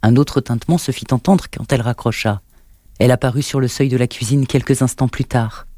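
A man with a mid-range voice reads a novel as scripted audiobook narration, in an even, measured storytelling manner, recorded with clean studio sound and no room echo.

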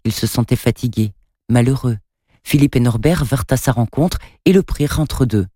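A man narrating a storybook in a steady, even reading voice. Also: medium pitch, moderate pace, no room sound, studio quality. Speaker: narrator and radio presenter.

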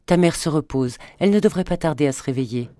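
A man's voice: fairly high pitch, expressive, fast talker, no room sound, studio quality, lightly acted. A narrator voicing a tired middle-aged stepfather who speaks weakly, in a storybook reading. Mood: weary. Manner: weary and quiet.

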